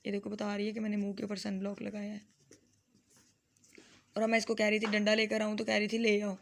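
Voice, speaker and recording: A woman with a Lahori Punjabi accent gives a chatty, homely voice-over for her family vlog. Her pitch stays almost perfectly level, and her voice has a gravelly, creaky edge. She drifts into Punjabi phrases as she goes. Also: monotone, brisk, slight background noise. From Lahore, Pakistan. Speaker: family vlogger and mother. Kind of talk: casual vlog voice-over narration.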